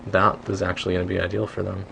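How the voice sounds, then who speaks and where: A woman's voice: very deep voice, level tone, racing, fairly bright tone, echoey room. A woman asks questions in a casual, inquisitive way, recorded on a hidden mic. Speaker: visiting buyer asking questions. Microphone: hidden body-worn recorder. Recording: covert hidden mic with clear background noise.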